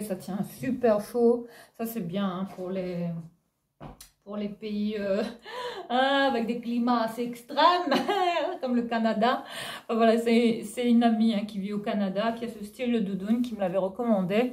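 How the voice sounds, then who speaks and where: A woman's voice: on the high side, a little mellow. A woman from Réunion chatting at home to her followers about her clothes. She talks in a loose, friendly way, full of fillers and little laughs, and calls her viewers "les filles" over and over. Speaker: fashion vlogger. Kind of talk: casual haul video chat.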